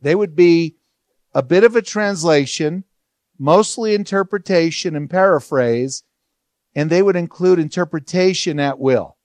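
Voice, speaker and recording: A male Bible study teacher works through the text slowly and deliberately, in a fairly high voice. He explains in a conversational way and poses rhetorical questions. The sound is close and dry, with no room echo. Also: darkish tone.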